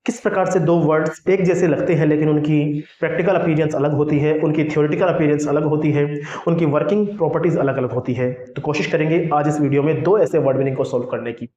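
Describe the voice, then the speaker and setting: A man's voice: fairly high pitch, fairly even intonation, fast talker, hardly any pauses, dark tone. A man with a Hindi accent teaching an English lesson, who asks questions and answers them himself. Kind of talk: classroom lesson. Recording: echoey, dull lo-fi room sound.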